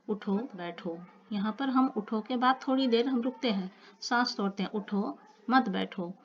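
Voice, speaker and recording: A woman teaching an online grammar lesson, explaining slowly with repeated examples and speaking to her students as children. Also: a little high, dull audio, slight background noise.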